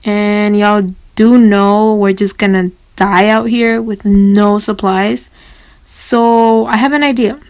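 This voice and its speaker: A woman's voice: medium pitch, fairly even intonation, takes it slowly, a little mellow, clear, resonant tone. Woman playing a bored, grumbling colonist. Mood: fed up. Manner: blunt and complaining. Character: bored, restless colonist man.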